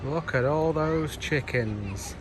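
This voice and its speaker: A man's voice: fairly high pitch, takes it slowly, noisy background. A man vlogging outdoors at a theme park, thinking aloud in a casual, understated, observational way. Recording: loud music behind the voice. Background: loud music.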